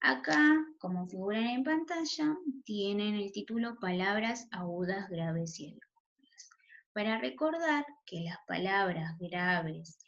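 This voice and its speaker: A woman's voice: mid-range voice, lively intonation, unhurried, vocal fry, dull audio. A woman teacher walks children through a spelling lesson, often checking in with a questioning "¿sí?". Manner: checks in with a questioning "¿sí?" after each point.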